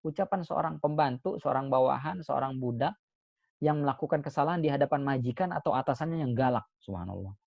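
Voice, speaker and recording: A male Islamic preacher giving a sermon, expressive, moving between emphatic points and soft, hushed asides. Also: mid-range voice, brisk, gravelly, no room sound, dull audio. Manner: expressive, swings between emphatic and soft hushed delivery, frequent pious exclamations.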